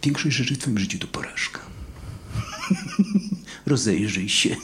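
A man's voice: mid-range voice, huge pitch swings, slow, a little hiss or hum, pitched below the performer's own voice, full character voice. A man doing a sly, sneering churchgoer. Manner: hushed, sneering half-whisper. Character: sly falsely pious male churchgoer, belittling.

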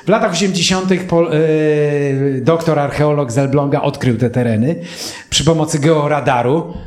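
A man's voice: fairly high pitch, moderate pace, a little mellow, echoey room. A man in his fifties from Poland, preaching in an earnest, emotional storytelling manner and speaking directly to his listeners. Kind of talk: sermon with personal storytelling.

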